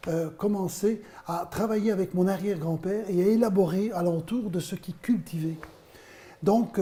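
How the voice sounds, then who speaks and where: A man's voice: sits high, mellow. A man in his fifties, originally from Belgium, a wine producer explaining his work in an interview with frequent hesitations. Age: 50s. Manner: explanatory, storytelling with many hesitations. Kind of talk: interview answers.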